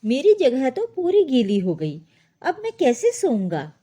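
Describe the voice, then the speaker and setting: A woman's voice: high voice, huge pitch swings, a little slow, warm tone, exaggerated voice. A woman voicing an impatient grown-up son who talks in a brusque, scolding way. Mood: irritated.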